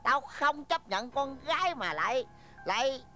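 A man's voice: very high-pitched, unhurried, soft background music, exaggerated voice. A blustering old Southern father. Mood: stubborn. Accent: Southern Vietnamese. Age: older. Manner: blustery, exclaims loudly, lively swings. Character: blustering old village father, boastful and stubborn. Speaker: film actor.

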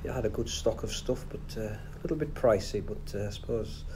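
Middle-aged man, casual bike trip narration, relaxed with fillers, action-cam mic outdoors, faint background noise. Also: lowish voice, fairly quick. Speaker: bikepacking vlogger. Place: outdoors on canal towpath.

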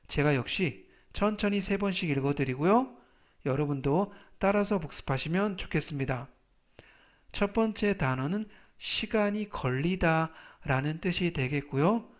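A man teaching English vocabulary, with Korean as his first language, repeating each word slowly three times in a patient, deliberate way. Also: a little high. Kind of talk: slow, deliberate vocabulary lesson.

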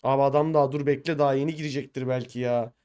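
A man on a voice call with friends, teasing them in quick banter. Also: mid-range voice, fairly even intonation, dark tone, clean tone. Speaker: streamer friend. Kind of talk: casual chat on voice call.

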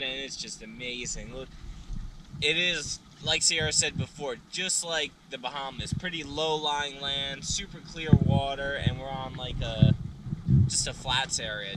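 A man's voice: mid-range voice, far from the mic, heavy background noise. A man in his thirties, slightly congested and getting over a cold, narrating a casual sailing vlog from a dinghy at sea. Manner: upbeat, laid-back. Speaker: sailing vlogger. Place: outdoors on a boat and dinghy at sea. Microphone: action camera at arm's length.

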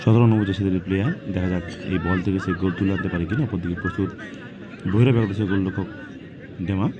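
A man's voice: sits low, fairly even intonation, fast talker, lo-fi sound. A man giving live football commentary on a penalty shootout, announcing each kick in short, repeated phrases. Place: outdoor football ground. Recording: loud outdoor crowd and ambient noise.

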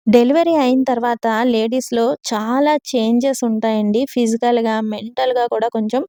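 A woman in her thirties with a Telugu accent talks in a confiding, earnest way, telling her own story for a vlog. Her voice sits a little high and sounds mellow and warm. The recording is dry and close. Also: no room sound. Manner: earnest, confiding, frequent polite "andi". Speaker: vlogger.

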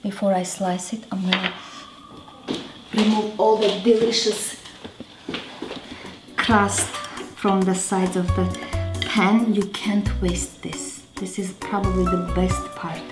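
A woman in her thirties with an Armenian accent, hosting a casual cooking demonstration in chatty, self-correcting, halting English. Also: medium pitch, flat delivery. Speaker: cooking show host. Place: roomy home kitchen, indoors. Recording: echoey kitchen with background music.

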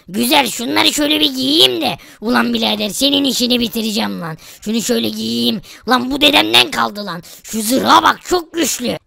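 A gravelly, strained poor young guy in a game, high in his voice and full of grit, as a man puts him on. He swears and threatens in slang, bright and sharp in tone. The sound is close and dry. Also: no echo, heavily acted.

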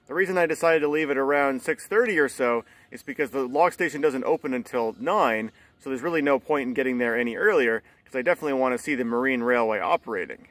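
A man in his thirties filming himself outdoors on a phone at arm's length, calmly narrating a solo canoe trip down a river like a tour guide. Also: mid-range voice, fast, few pauses, no room sound. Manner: calm, informative, tour-guide-like. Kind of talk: casual travel narration. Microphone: phone camera at arm's length.

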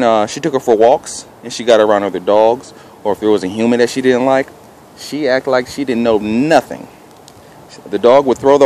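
A man with a medium, slightly mellow voice films himself training a dog in an open park. He explains things in a relaxed, instructional tone and snaps out short, firm commands in between. Captured on his own handheld camera, the audio is noisy with ambient outdoor sound.

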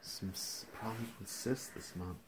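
Low-voiced young man chatting casually. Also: a little slow. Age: young adult. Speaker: partner joining a home video. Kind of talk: casual chat. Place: small indoor room at home. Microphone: handheld phone. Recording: slightly noisy phone recording with clicks.

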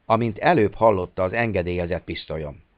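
A fugitive Hungarian captain posing as a language teacher, calm and measured under questioning, as a man reads him. His voice is low, recorded dry and a little dull. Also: no room sound, lightly acted.

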